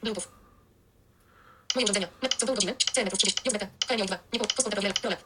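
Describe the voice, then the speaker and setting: A computer voice of a woman reading out phone menu items in clipped words, played through a small loudspeaker. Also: medium pitch, very fast, very noisy. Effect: synthetic voice played from a phone through a small loudspeaker. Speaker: phone screen-reader voice.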